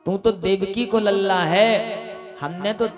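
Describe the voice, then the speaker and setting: A tender village mother speaks in rustic words, begging her son not to leave, as a male preacher puts her on. The voice sits a touch high and moves slowly. It rings in a reverberant hall with music playing behind. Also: fairly even intonation. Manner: pleading, rustic speech.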